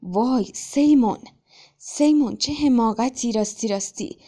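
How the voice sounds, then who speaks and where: A woman's voice: high voice, expressive, dark tone, pitched above the performer's own voice. A woman reading a story aloud, voicing a fretful village schoolteacher who scolds anxiously. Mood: dismayed.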